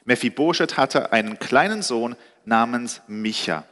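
A man preaching a sermon, retelling a scripture story in an animated, storytelling way with shifting pace and pitch. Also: a little slow. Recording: reverberant hall.

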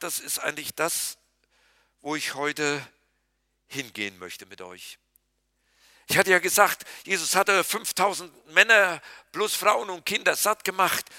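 A man preaching a sermon to his congregation, addressing them informally and dropping to a hushed voice for quoted scripture. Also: high voice, no room sound, clean studio sound. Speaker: pastor.

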